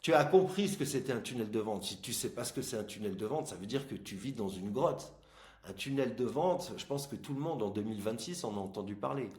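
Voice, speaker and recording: A man's voice: medium pitch, animated, a little fast, a little mellow. A man hosting a casual explanatory marketing video, speaking informally and emphatically to the viewer, with articulation slightly impeded by plastic dental aligners. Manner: informal, emphatic, addresses the viewer directly with examples. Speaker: host of an online marketing channel. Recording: echoey room.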